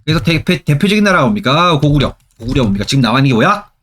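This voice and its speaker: A man's voice: a little high, sing-song, very fast, a bit bright. A middle-aged man lecturing for exam preparation, constantly asking rhetorical questions and repeating key terms for emphasis. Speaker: history lecturer.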